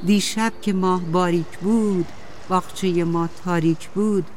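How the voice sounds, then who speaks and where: A bad-tempered apple tree snaps and scolds in sing-song rhymes, voiced by a woman telling a children's tale. Soft music plays underneath. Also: fairly low pitch, fairly even intonation, in a large hall, a little hiss or hum, close to an everyday voice. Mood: angry. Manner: scolding, rhyming chant. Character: grumpy angry apple tree, shouting.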